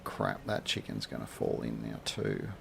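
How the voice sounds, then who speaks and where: A man's voice: rumbling low, sing-song, normal speed, creaky, background noise. An Australian man giving casual, rambling commentary as he plays a game, thinking aloud and chatting to the animals on screen. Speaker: game streamer.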